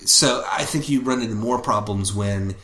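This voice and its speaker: A man's voice: fairly low pitch, moderate pace, fairly bright tone. A man co-hosting a podcast in casual chat, thinking aloud and correcting himself as he goes. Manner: thoughtful, rambling and self-correcting. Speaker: podcast co-host. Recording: roomy with faint background noise.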